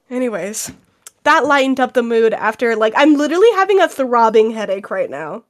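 High-voiced teen girl chatting, laughing. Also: very animated, brisk. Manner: chatty, laughing, filler-heavy. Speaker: podcast co-host. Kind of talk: casual chat.

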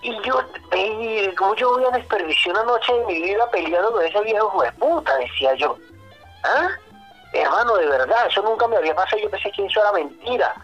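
A man telling a work story as a guest on a casual podcast, animated, swearing, often saying "brother". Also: high-pitched, fairly quick, lo-fi sound, faint music behind.

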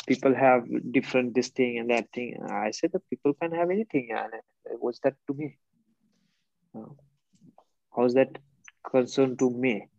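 Laughing and blunt, a man recounts a casual story and plays out both sides of an argument. His medium-pitched voice is darkish in tone, heard with no echo in a dull lo-fi close recording.

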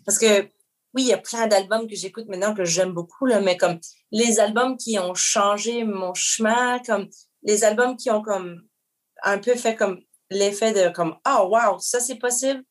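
A woman with a Québécois French accent talks casually as a guest musician. She rambles, restarts her sentences and fills pauses often. She drops English words into her French. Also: medium pitch. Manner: rambling, frequent fillers and restarts. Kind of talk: casual chat.

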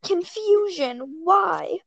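Brief: teen girl co-host, very high voice, unhurried, giggly, dry sound. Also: expressive, vocal fry, no room sound, dull audio. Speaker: podcast co-host. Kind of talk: casual chat.

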